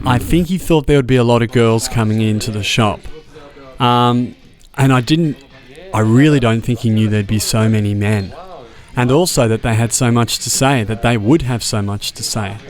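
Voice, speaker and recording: A man's voice: mid-range voice, normal speed. An Australian man who works in a record shop, speaking reflectively and thoughtfully in an interview.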